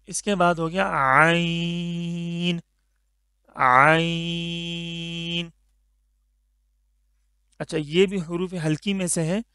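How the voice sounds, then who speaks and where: A man's voice: on the high side, a bit bright, clear, resonant tone, dry recording, clean studio sound. A man teaching Tajweed pronunciation of Arabic letters, patiently stretching each letter sound for the learner. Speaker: Quran recitation teacher.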